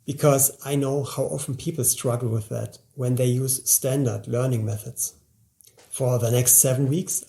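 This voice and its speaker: Warm and creaky, this mid-range male voice belongs to a course presenter in his forties. He reads scripted promotional narration, speaking straight to the listener in an encouraging, motivational way.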